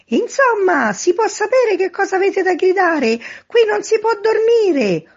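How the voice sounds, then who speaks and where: Woman doing cranky sleepy man yelling down, high-pitched and loud, muffled lo-fi audio. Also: very animated, unhurried, slightly rough, heavily acted. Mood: irritated. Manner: irritable, yelling, dismissive. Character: grumpy man woken up, yelling from a window.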